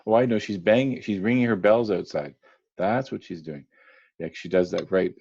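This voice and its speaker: A man's voice: fairly low pitch, normal speed, creaky, a little mellow, husky, highs cut off. A man emceeing a virtual dinner over a video call, chatty, calling on guests by name. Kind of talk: casual virtual meeting hosting.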